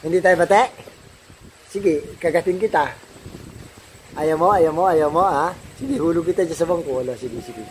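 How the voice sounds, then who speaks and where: A man's voice: on the high side, fairly even intonation, moderate pace, pauses often, rough recording. A father teasing and coaxing his young daughter in casual home banter, playful and joking. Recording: home video with background noise.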